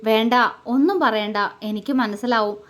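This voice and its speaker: Teasing young husband read by a woman, soft-spoken, high-ish voice, romance audiobook. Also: normal speed, close to an everyday voice. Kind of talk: romantic story reading.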